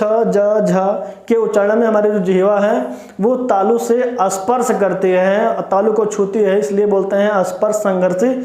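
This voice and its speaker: A man's voice: high voice, warm tone. A man teaching Hindi grammar to exam students, explaining step by step and often checking in with the class. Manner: repetitive, explains step by step, frequent "ठीक है ना" check-ins. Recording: echoey room.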